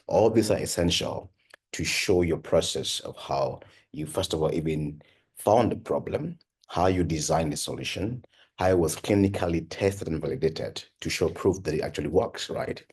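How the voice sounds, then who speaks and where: This is a very deep, husky voice with a rough, breathy edge and a slightly mellow quality, belonging to a young Cameroon-born man. He founded a medical device company and researches for a PhD, and in this personal online course talk he speaks earnestly and conversationally, often saying "uh" and "you know."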